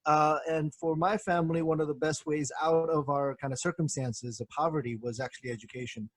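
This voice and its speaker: Casting note: middle-aged man, husky tone, dry close sound, thoughtful guest with soft fillers. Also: on the high side, steady tone, no echo. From born in Korea, grew up in the United States. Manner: measured, reflective, many soft fillers. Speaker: guest, professor and former pastor. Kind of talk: thoughtful interview answers.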